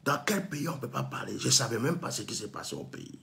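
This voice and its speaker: A man's voice: medium pitch, lively intonation, fairly quick, gravelly, sharp tone. A man from Côte d'Ivoire with an Ivorian French accent, telling a story and delivering an impassioned, scolding monologue that acts out bits of dialogue.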